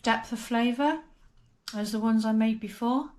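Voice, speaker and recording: A woman's voice: fairly high pitch, unhurried, darkish tone. A woman chatting casually and unhurriedly as she talks viewers through a home baking vlog step by step. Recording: clear background noise, room ambience.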